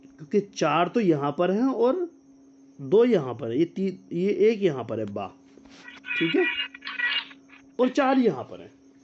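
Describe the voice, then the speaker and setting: A man teaching a tajweed lesson over a video call, quizzing his students, repeating their answers and spelling out letters slowly as a drill. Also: high-pitched, very animated, lo-fi sound, slight background noise. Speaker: Quran teacher.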